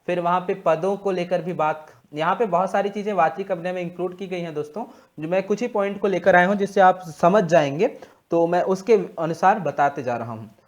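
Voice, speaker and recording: A young man giving a lecture to exam students, explaining slowly, repeating key terms and pausing often as he goes. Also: on the high side. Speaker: exam prep teacher.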